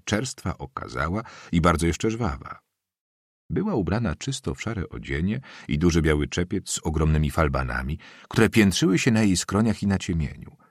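Male audiobook narrator, very low and husky, lively intonation, dry booth sound. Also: no echo. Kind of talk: scripted narration of a classic novel.

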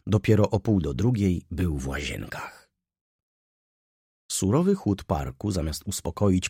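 A male narrator reading a classic novel aloud in a deep, husky voice. His pitch moves in lively curves as he tells the story at a measured pace. The recording is dry and close. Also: no room sound. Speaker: audiobook narrator.

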